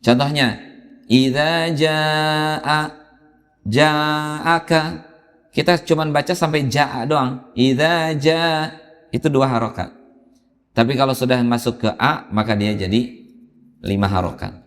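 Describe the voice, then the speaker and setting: A man teaching Quran reading in a mosque, explaining patiently and chanting drawn-out examples. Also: mid-range voice. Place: mosque hall. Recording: long hall reverb in a mosque.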